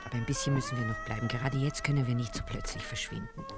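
Tilly, a low-voiced flirt. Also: female voice, huge pitch swings, fast talker, full character voice. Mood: uneasy. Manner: coaxing, playful, restless. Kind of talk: radio drama acting. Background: dance music from a gramophone.

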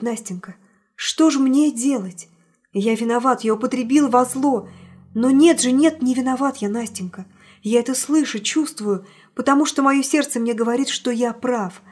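Audiobook: lovesick young man, as a woman reads him, earnest and impassioned, husky tone. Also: high-pitched. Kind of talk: audiobook character reading.

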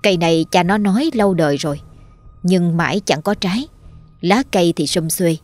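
Low-voiced woman narrating a ghost story. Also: darkish tone. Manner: dramatic storytelling, voicing all characters.

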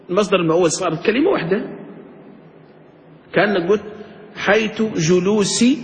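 High-voiced sheikh teaching grammar. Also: male voice, long reverb tail. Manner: quizzes students with questions, then answers them himself. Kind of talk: classroom lecture.

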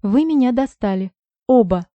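A woman voicing a sharp-tongued, furious young woman who snaps in shrill, indignant outbursts, recorded dry and slightly dull. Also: lively intonation, normal speed, dry recording, lightly acted.

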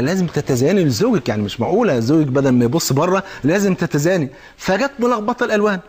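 A man with an Egyptian accent giving a colloquial sermon on marriage, lively and acting out little exchanges between husband and wife. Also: high-pitched. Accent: Egyptian Arabic. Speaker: preacher.

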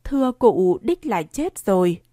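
A woman's voice: medium pitch, big pitch swings, a little slow, dark tone, dry recording, studio quality. A woman reading the part of a timid young male servant, answering meekly and deferentially. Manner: meek, deferential.

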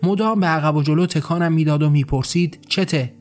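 A man narrating his own short story as an audiobook, reading in a calm, measured way. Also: a little high. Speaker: author and narrator. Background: faint music.

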